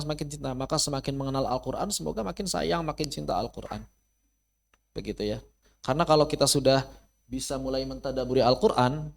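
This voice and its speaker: Male religion teacher, online class; chatty, rhetorical questions, voice climbs when he makes a point. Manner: animated, rises high when stressing a point; casual, uses local slang. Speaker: Islamic studies teacher. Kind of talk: online Quran lesson. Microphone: close mic, online class.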